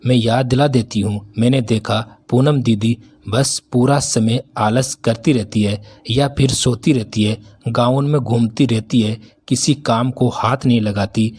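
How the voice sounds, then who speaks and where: A calm, sly young daughter-in-law, as a male narrator voices her in a storybook reading. Her speech is polite and pointed, with a husky, breathy tone. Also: mid-range voice, a little slow.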